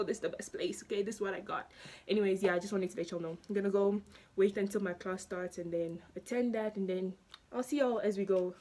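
A young woman chats casually into her phone from inside a cramped closet. She rambles along, dropping fillers as she goes, and her voice sits at an ordinary middle pitch. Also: darkish tone, slight background noise. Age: young adult. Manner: chatty, lots of "like" fillers. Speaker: vlogger. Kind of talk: casual vlog chat.

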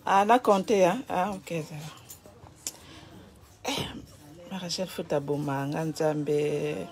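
A woman's voice: low voice, fairly even intonation, slow, darkish tone. A woman, casually vlogging while she picks up a gift at a money transfer agency and soothes a crying child. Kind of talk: casual self-filmed vlog. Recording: crowd chatter behind.

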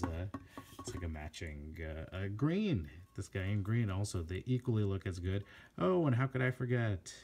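A man talking through his collection in a casual vlog, slow and unhurried, with a voice that sits a little low. He halts often and corrects himself, while gushing with admiration over each piece. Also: creaky, a little mellow, slight background noise. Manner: halting, many fillers and self-corrections.

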